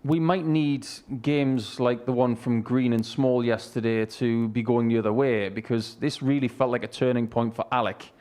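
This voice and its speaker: A man's voice: medium pitch, steady tone, normal speed, few pauses, a little mellow. A man presenting live darts coverage and commentary.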